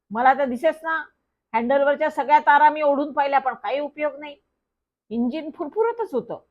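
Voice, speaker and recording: Woman reading a lively children's story. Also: high-pitched. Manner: lively first-person storytelling. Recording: dull lo-fi recording.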